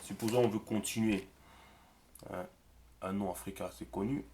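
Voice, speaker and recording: A man explaining a writing system in a relaxed screen tutorial, thinking aloud with many fillers. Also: on the low side, moderate pace, slight background noise. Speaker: teacher.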